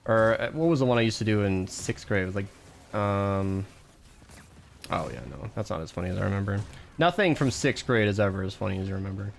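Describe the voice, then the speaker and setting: Speaking briskly with vocal fry in a fairly low voice, a man chats with viewers while playing a game on a live stream, and there's slight background noise. His talk is casual and wandering, self-deprecating and full of laughter.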